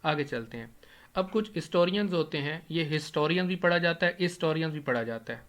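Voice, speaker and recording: A man teaching an English grammar lesson over a screen recording, explaining step by step, asking questions and answering them himself, and slowing down to spell out his English examples. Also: on the high side, expressive, a bit bright.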